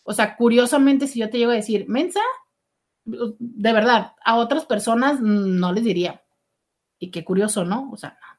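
A woman's voice: a little high, normal speed. A middle-aged woman hosting a casual show and chatting animatedly as she reads listener messages. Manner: chatty, warm, animated with exclamations. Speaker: radio host reading listener messages. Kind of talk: casual call-in show chat.

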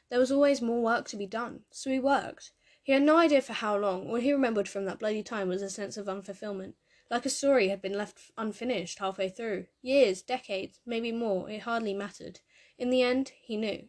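A woman narrating a piece of fan fiction in a measured, expressive storytelling manner. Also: fairly high pitch.

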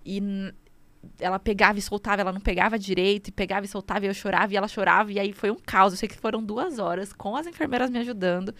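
A young woman, a new mother, telling her story casually in an interview, emotional and animated, acting out what she said to herself. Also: mid-range voice, fast, dry recording. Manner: emotional, animated storytelling with quoted inner speech.

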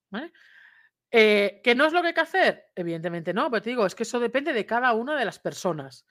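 A woman talks through a video of dogs in a relaxed, chatty tone. She explains each moment step by step and keeps checking in with her listener. Now and then she raises her voice for emphasis. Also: fairly high pitch. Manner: imitates bite sounds and raises voice for emphasis. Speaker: dog trainer commenting on a video. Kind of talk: casual video commentary.

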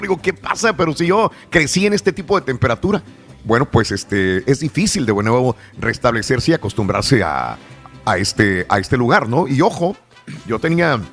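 A man in his forties, from the Mexico–Texas border region, hosting a radio show in casual chat, reading listener messages aloud. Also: mid-range voice. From northern Tamaulipas and South Texas. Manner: lively, chatty, reads listener messages aloud.

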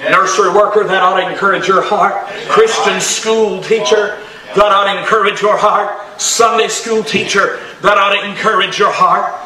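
A man preaching a revival sermon with a high, bright, ringing voice that rises to fervent shouts. He is picked up from a distance in an echoey church. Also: steady tone, normal speed. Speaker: pastor.

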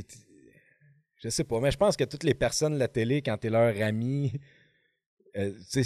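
A man's voice: mid-range voice, darkish tone, no room sound, studio quality. A man hosting a casual podcast, rambling and playful, with lots of hesitations. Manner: rambling, hesitant, many fillers and restarts, playful. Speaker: podcast host. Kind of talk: casual chat. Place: podcast studio in an office.

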